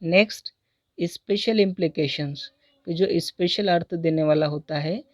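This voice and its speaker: Slow, deliberate Indian male teacher. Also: a little high, no echo. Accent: Indian English. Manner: slow, deliberate reading of English example sentences. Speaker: English teacher. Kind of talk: recorded Hindi-medium lesson on English intonation.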